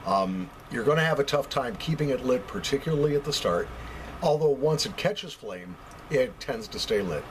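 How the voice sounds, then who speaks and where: A man's voice: mid-range voice, expressive, normal speed. An American man reviews in a casual, conversational vlog style. His mid-range voice moves up and down a lot as he stresses and repeats phrases. Some background noise sits behind him in a basement room. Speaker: pipe tobacco reviewer.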